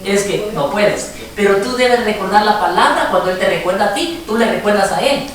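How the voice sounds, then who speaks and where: A woman's voice: mid-range voice, moderate pace, a crowd in the background. A woman preaching a sermon, emphatic and rising into fervent exhortations. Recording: echoey hall from far off with congregation. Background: congregation responding.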